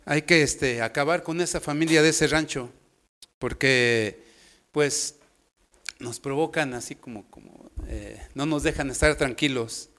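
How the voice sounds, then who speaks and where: A man puts on a gang of scheming male devils from a sermon fable. They plot in slow, hesitant, offhand chatter, in a smooth, fairly high voice. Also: fairly bright tone.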